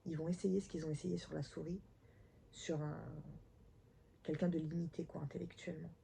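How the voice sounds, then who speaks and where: Woman book vlogger, thirties, gravelly low voice, eager chatty delivery, home camera mic with faint noise. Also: flat delivery, moderate pace, dark tone. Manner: chatty, enthusiastic, with frequent restarts and whispered asides. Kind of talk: casual book haul chat.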